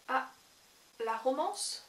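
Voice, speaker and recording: A woman's voice: sits high, lively intonation, drawn-out words, fairly bright tone. A young adult woman who runs a book channel, chatting casually and laughing often as she works through online quizzes. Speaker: book vlogger. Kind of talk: casual chat while taking online quizzes. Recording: echoey room with faint hiss.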